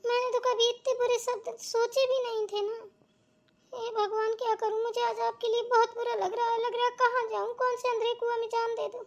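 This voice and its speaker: A scheming young daughter-in-law from a cartoon comedy plays sweet and worried, then gloats in sly asides, voiced by a woman. Her voice is very high and squeaky. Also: flat delivery, brisk. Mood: fake sympathy.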